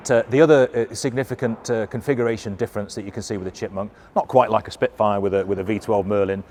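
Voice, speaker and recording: A middle-aged or older man giving an informal, hands-on briefing as a flight instructor, explaining in a halting, self-correcting way. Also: lowish voice, fairly even intonation, a little mellow.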